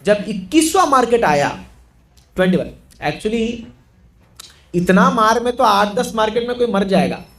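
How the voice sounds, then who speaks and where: A man preaching to a congregation, telling a story in an animated way and acting out the characters' lines. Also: high voice, normal speed, pauses often. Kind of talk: storytelling sermon.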